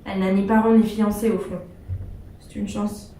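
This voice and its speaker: An actress playing a young woman factory worker who reads her wartime letters aloud on stage, with an earnest, measured and tender delivery. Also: medium pitch, flat delivery, warm tone, lightly acted. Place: theatre stage. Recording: echoey theatre from far off, faint background hum.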